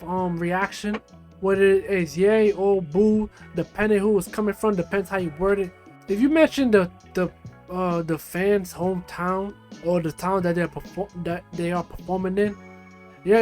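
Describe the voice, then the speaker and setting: A man hosting a reaction video, talking loosely and casually with lots of "like" and "uh". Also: high-pitched. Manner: loose and conversational, many fillers like "like" and "uh".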